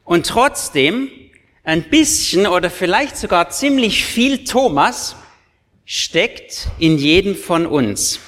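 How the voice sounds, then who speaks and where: A man's voice: high voice, animated, takes it slowly, a bit bright. A male pastor preaching a sermon to confirmands, earnest and emphatic, speaking directly to his listeners. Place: church. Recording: long church reverb.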